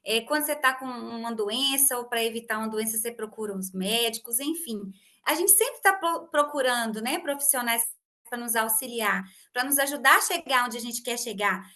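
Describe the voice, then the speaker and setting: A woman in her thirties hosting a casual podcast conversation, telling an animated story and acting out family dialogue. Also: fairly high pitch, moderate pace. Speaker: host.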